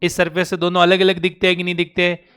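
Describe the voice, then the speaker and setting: A man's voice: sits high, completely flat delivery, quick pace, fairly bright tone, clean tone. A man teaching chemistry in Hindi with a Rajasthani accent, constantly quizzing his students with call-and-response questions. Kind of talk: classroom lecture. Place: online class recording.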